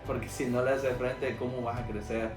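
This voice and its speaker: A man's voice: mid-range voice, level tone, moderate pace, echoey room, music in the background. A young Salvadoran man, an English teacher and former call center agent, telling frank anecdotes with lots of fillers in a casual interview. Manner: frank, anecdotal, heavy on fillers like "este" and "¿verdad?".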